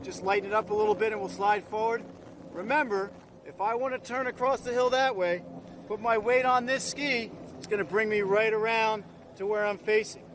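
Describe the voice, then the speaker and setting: A man's voice: sits high, steady tone, normal speed, noisy background. A man working as a ski instructor, coaching informally and encouragingly in short instructions out on a slope. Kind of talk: ski lesson demonstrated on the slope.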